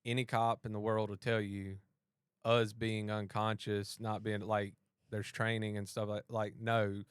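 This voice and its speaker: Man telling a story, smooth low voice. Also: measured pace, no room sound, studio quality. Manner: animated retelling, acts out both sides of a dialogue. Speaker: podcast host and police officer. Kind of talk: storytelling in a casual conversation.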